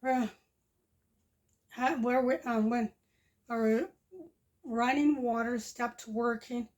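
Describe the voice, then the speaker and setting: This homestead vlogger, a woman in her forties from Mexico, has a Spanish accent and a slightly high voice. Washing dishes in her kitchen next to a wood stove, she rambles through a casual chat, often starting sentences over and laughing softly. Her phone camera, propped close by, records her.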